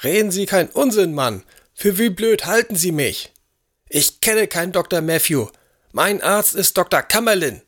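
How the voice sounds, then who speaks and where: A high, querulous old aristocrat in an audio drama, forever demanding and indignant. He barks orders with a lord's impatience. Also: lively intonation, normal speed, a bit bright. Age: older. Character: elderly, imperious, irritable English aristocrat.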